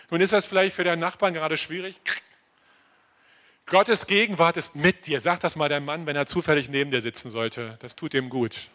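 An animated older man preaching to a church congregation, his voice high and bright as he swings from loud, emphatic declarations down to quiet asides. He keeps turning to his listeners with direct questions and slows right down on the phrases he wants to land. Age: around 60. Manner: animated, addresses listeners directly with frequent "verstehst du?". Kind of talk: lively sermon.

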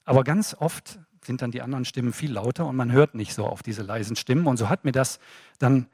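A man's voice: mid-range voice, fairly quick, darkish tone, husky, no echo, clean studio sound. A middle-aged man giving a personal faith testimony, telling his story casually and voicing his own thoughts as quotes.

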